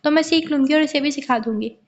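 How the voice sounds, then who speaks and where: A woman's voice: high-pitched, quick pace, muffled recording, lightly acted. A woman voicing a playful, eager young wife and mother. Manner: eager, coaxing.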